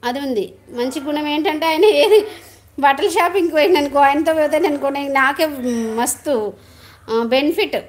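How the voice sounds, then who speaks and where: A woman's voice: sits high, moderate pace, pauses often. A middle-aged woman, chatting casually on a live stream, laughing often and greeting viewers.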